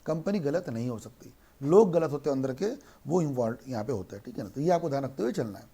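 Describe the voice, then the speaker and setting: A man teaching a law class in Hindi mixed with English, who keeps asking questions and answering them himself, and slows down to read English lines aloud. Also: mid-range voice, animated, warm tone, husky. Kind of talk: online lecture.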